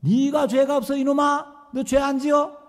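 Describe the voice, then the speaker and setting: A man voicing a stern older male pastor who scolds a young man in a gruff, shouting way. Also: very high-pitched, steady tone, moderate pace, long reverb tail, voice pushed up. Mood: furious scolding.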